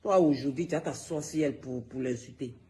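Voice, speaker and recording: A man rants into his phone on a gossip livestream, heated and emphatic, repeating himself and talking straight to his viewers. His voice is medium in pitch and warm, and he speaks fairly quickly. There's slight background noise.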